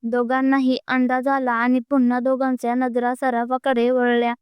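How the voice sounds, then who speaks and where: A woman's voice: high-pitched, little pitch movement, normal speed, smooth, no echo, dull audio. A woman narrating a scripted romantic story, reading steadily.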